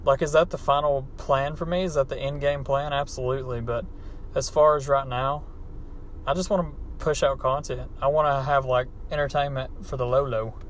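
This is a medium-pitched man speaking at a moderate pace in a steady tone, with an Appalachian hillbilly American accent. He hosts a podcast from inside a car, delivering a casual, off-the-cuff, profane and self-deprecating monologue; the amateur recording carries background car noise.

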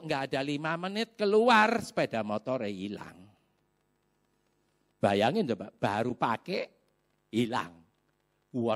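A male pastor delivers a sermon in a slightly high voice that swoops up and down with great energy. He tells a story in a loose, colloquial way, imitates knocking sounds, and keeps asking the congregation for amens. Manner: animated storytelling with sound effects.

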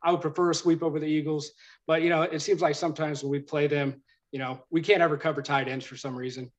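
A man in his thirties co-hosting a casual sports chat, talking quickly and with obvious excitement. His voice sits a little high, and he drops the odd casual curse. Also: muffled recording. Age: 30s.

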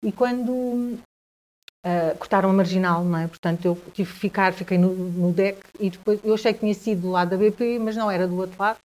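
Soft-spoken European Portuguese woman. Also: lowish voice, flat delivery. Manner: halting, with frequent restarts and repeated words. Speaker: guest. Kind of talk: personal storytelling in conversation.

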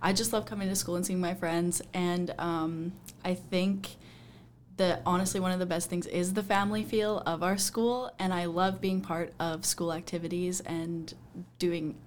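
A teenage girl from Canada, a graduating student who answers interview questions easily, often opening with "um". Her voice is a little low for a woman, with faint ambience in the background. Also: fairly even intonation, normal speed, a little hiss or hum. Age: late teens. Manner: easygoing, starts with "um".

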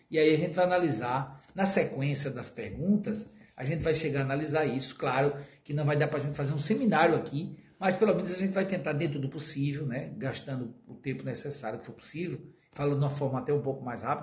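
A man's voice: a little high, fast, hardly any pauses, darkish tone. Brazilian man lecturing in an echoey hall. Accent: Brazilian Portuguese. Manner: conversational, asks the audience questions and jokes. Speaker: spiritist lecturer. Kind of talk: spiritist lecture to a live audience.

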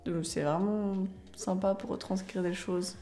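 A woman's voice: mid-range voice, fairly even intonation, measured pace, warm tone, soft background music. A young adult woman co-hosting a casual podcast debate, speaking spontaneously, teasing her partner and jumping from one idea to the next. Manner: spontaneous, teasing, jumps between ideas. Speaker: podcast co-host.

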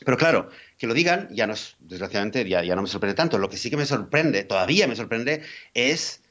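A man in casual podcast chat, animated, often acting out other people's voices and restarting his sentences. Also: lowish voice, a little fast, highs cut off. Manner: animated, acts out quoted voices, many restarts. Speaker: podcast co-host.

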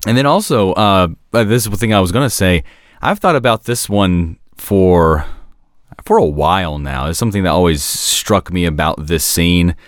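A man with a low, resonant voice talks through ideas as a podcast host. He is casual and analytical, halting to find the right word, and the recording is very dry. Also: animated, no room sound. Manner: hesitant, searching for words, self-correcting. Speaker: podcast host discussing an animated series.

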